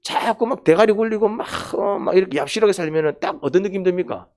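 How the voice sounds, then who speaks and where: A man's voice: high-pitched, fast talker, darkish tone. A middle-aged man, preaching a casual, conversational sermon and often asking the congregation questions. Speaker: pastor. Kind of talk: sermon at a Wednesday prayer meeting.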